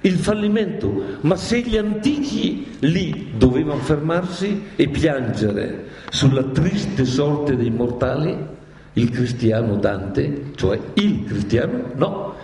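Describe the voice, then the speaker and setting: A man giving a lively public talk, lecturing theatrically and with animated drama. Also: fairly high pitch, slow pace, a little hiss or hum. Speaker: speaker lecturing on Dante. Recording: echoey hall.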